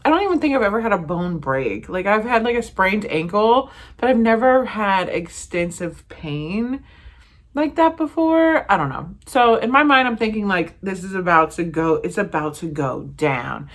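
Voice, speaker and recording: A young woman vlogger tells a personal story straight to camera in a loose, chatty way. Her pitch sits in an ordinary middle range, and she keeps slipping in fillers and little acted-out quotes. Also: animated, moderate pace.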